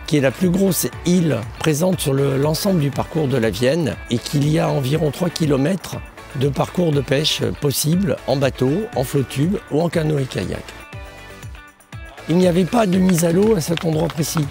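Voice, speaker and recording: Male presenter with a badly hoarse, gravelly, cracked voice and fry, explaining a project, slightly high. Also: normal speed, dark tone, soft background music. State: hoarse from losing his voice. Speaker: fishing federation representative.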